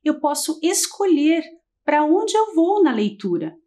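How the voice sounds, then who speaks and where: A woman teacher leading a TV literacy lesson for young children, talking in a slow sing-song and stretching syllables as she counts letters. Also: high-pitched, very animated, dark tone. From Brazil. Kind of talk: early-grade literacy lesson on TV.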